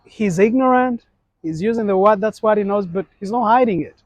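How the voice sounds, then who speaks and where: A man's voice: sits high, brisk, no room sound. A middle-aged man from Uganda, a guest in a casual interview, telling stories animatedly and acting out what people said. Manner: animated storytelling, acts out voices.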